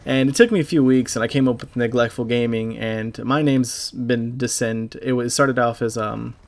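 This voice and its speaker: A young man giving a halting, casual voice-over over gameplay, full of fillers and swearing, as a clan leader recalling a friend. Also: mid-range voice, fairly even intonation. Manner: halting, rambling, heavy with fillers; casual and profane. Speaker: gaming YouTuber and clan leader.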